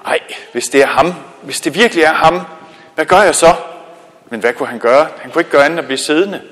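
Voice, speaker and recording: A pastor telling a Bible story in a children's sermon, gently asking the children questions, with frequent hesitations, in a church. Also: male voice, a little high, in a large hall.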